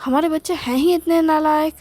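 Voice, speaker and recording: A woman's voice: sits high, steady tone, fairly quick, darkish tone, no room sound, pitched above the performer's own voice, close to an everyday voice. A woman voicing an older husband who is teasing, sheepish and doting, talking with hesitant stops and fillers in an acted story. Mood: defensive.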